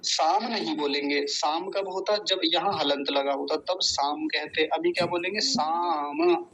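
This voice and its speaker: A man's voice: fairly high pitch, fairly even intonation, normal speed, sharp tone, low-quality recording. A man teaching a patient online class, drawing out words to show how they are pronounced, heard over a video call. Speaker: Sanskrit teacher.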